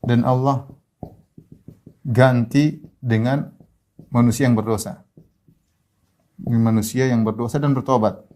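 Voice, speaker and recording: A man from Indonesia giving a sermon. He recites Arabic sayings and then explains them, his voice rising high and strong in stories and dropping soft when he pleads. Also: slow, pauses often, slight background noise. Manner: animated, rising high and loud when telling a story, sinking quiet when pleading. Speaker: preacher.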